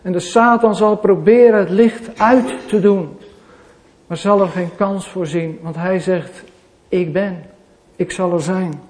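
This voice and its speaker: Speaking a little slowly in a high voice with fairly even intonation, a pastor delivers a sermon to a congregation. He alternates booming statements with hushed asides and keeps coming back to one repeated rhetorical question.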